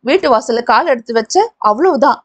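A woman voicing a short-tempered old grandfather who barks and scolds, in a lowered voice. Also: expressive, a little fast. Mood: angry. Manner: barking, scolding.

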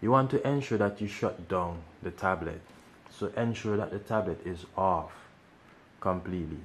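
Man, deep voice, tech tutorial host, step-by-step explaining, faint background hiss. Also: normal speed. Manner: step-by-step, repeats instructions. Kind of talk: casual how-to walkthrough.

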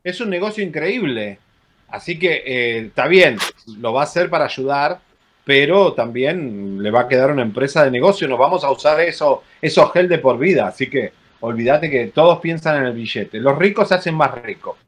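A middle-aged man co-hosting a casual gossip chat over a video call, wry and joking, often halting on fillers. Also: medium pitch, animated. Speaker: co-host. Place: home room.

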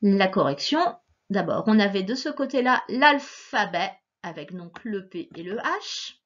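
A woman's voice: medium pitch, lively intonation, unhurried, highs cut off. A woman teacher giving a recorded phonics lesson to a child, patient and encouraging, stressing each sound.

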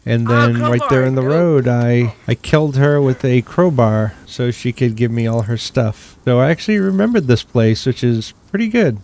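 A man's voice: medium pitch, moderate pace, hardly any pauses. An older man with a Boston accent, casually commentating a survival game he is playing, muttering to himself as he loots. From New England. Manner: relaxed, muttering to himself while looting. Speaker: gaming YouTuber.

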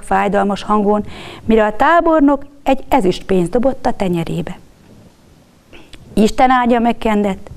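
A woman reading a storybook tale aloud in an expressive way, sometimes dropping to a whisper. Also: mid-range voice, gravelly.

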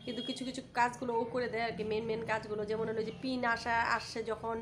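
A woman's voice: fairly high pitch, fast talker, background noise. A middle-aged woman chatting casually to her viewers in a home vlog, her face swollen from toothache. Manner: chatty, animated, addresses viewers as brothers and sisters. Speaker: village vlogger.

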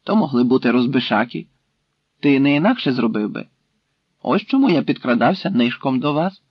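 A man's voice: mid-range voice, lively intonation, moderate pace, husky, no echo. A man doing a young defiant Tatar captive. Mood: guarded. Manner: defiant, insistent. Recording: dry, slightly dull recording.

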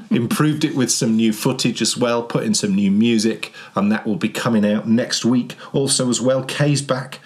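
Middle-aged English male co-host, upbeat promo delivery, mid-pitched, animated with his hands. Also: moderate pace. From North Yorkshire, England. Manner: upbeat, promotional, gestures while talking. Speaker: co-host of knitting show. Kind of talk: casual show announcements. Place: living room with yarn shelves, indoors.

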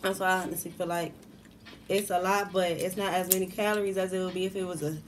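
Laid-back low-voiced woman guest. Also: fairly even intonation, quick pace, slight background noise. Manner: laid-back, hums while eating, soft laughs. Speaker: guest, host's best friend. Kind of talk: casual mukbang chat.

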